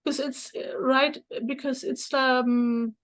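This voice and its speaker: Speaking slowly, a higher-voiced middle-aged woman recounts personal stories as an interview guest; she works as a therapist. She was born in Poland, is from Germany, and German is her first language. Her storytelling is lively, and she acts out dialogue from memory.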